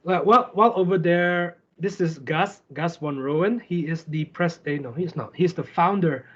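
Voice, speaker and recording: A casual Malaysian man from Kuching, Sarawak, with a somewhat high voice at a normal pace, is a startup founder giving a relaxed slide presentation as a guest. He's on an online video call sharing his screen, and the audio is dull and lo-fi.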